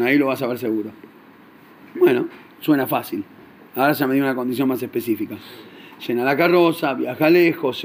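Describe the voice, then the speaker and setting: With a Rioplatense Spanish accent and a medium-pitched voice, a man teaches through a storytelling sermon, animatedly acting out each character.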